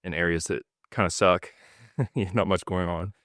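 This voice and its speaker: A man hosting a casual interview, relaxed, asking open questions and laughing easily. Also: sits low, unhurried, dry recording, studio quality.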